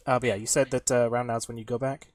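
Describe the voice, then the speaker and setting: A man's voice: medium pitch, flat delivery, very fast, a little mellow, slight background noise. A man running a tabletop game as game master, narrating casually with lots of fillers, restarts and swearing. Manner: rambling, many fillers and restarts, swears freely.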